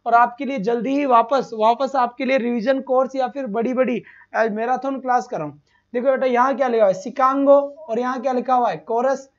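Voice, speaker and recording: A man's voice: very high-pitched, steady tone, fairly quick. A male teacher giving a live online exam-prep lesson, who repeats each answer, asks rhetorical questions and calls his students "beta". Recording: slightly dull lo-fi stream audio.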